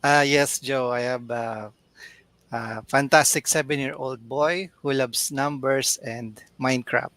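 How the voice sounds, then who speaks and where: A man from the Philippines, a guest in a live video interview, polite and soft-spoken, often saying the host's name. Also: mid-range voice, steady tone, unhurried, dry recording. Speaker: interview guest, accounting student. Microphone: remote video call.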